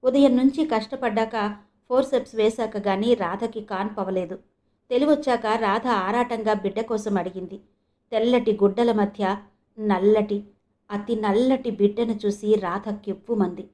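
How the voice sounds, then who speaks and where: A woman from coastal Andhra narrating an audio novel in a steady storytelling manner. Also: mid-range voice, moderate pace. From coastal Andhra, India.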